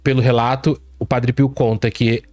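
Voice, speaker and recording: A man hosting a podcast, retelling eerie accounts in a casual, animated way and dropping his voice low for the spooky quotes. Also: moderate pace, dry recording. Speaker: podcast host. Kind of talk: casual storytelling chat.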